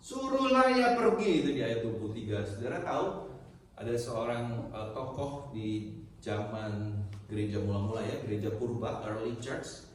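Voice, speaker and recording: A man preaching a sermon as pastor, swinging from calm teaching to loud impassioned stretches and dropping English phrases into his talk. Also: fairly low pitch, moderate pace, heavy reverb, recorded from a distance, slight background noise, poor audio.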